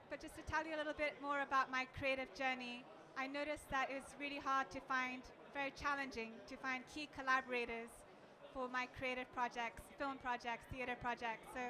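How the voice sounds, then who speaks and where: A woman founder introducing herself on a conference panel, speaking up in a noisy room. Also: high-pitched. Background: crowd murmur.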